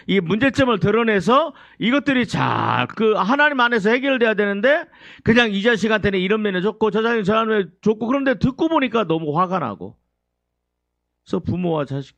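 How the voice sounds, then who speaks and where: Animated high-voiced male preacher. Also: creaky, no echo, lo-fi sound. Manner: animated preaching with rhetorical questions to the congregation. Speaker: pastor. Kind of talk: sermon.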